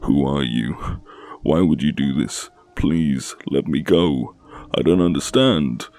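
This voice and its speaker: A man's voice: a bass voice, lively intonation, slow, darkish tone, voice pushed up, heavily acted. A man voicing a young female captive in a scary story, frantic and defiant, pleading or angry. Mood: frightened pleading.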